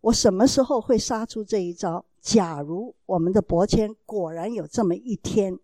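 A woman's voice: mid-range voice, moderate pace, dark tone, no echo. A mother giving a talk to parents, telling a family story in an earnest, explaining way and acting out the dialogue in changing voices.

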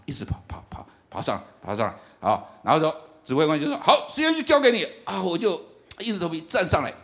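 Man, middle-aged, high and animated, humorous sermon storyteller. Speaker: campus ministry worker. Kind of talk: sermon testimony.

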